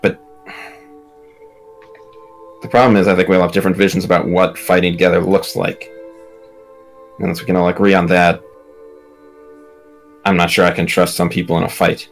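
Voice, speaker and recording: Low gravelly man role-playing at a game table. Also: level tone, normal speed, pauses often, soft background music. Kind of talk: in-character role-play discussion.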